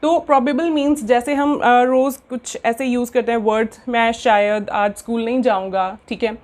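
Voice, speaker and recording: Indian woman teaching maths, fairly high voice. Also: fairly even intonation, darkish tone. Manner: slow, dictating terms word by word while writing; checks in often with "ठीक है". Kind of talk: classroom lesson in Hindi-English mix.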